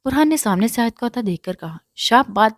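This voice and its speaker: A woman's voice: fairly high pitch, sing-song, warm tone, no echo, clean studio sound. Woman reading a romance novel aloud. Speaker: narrator.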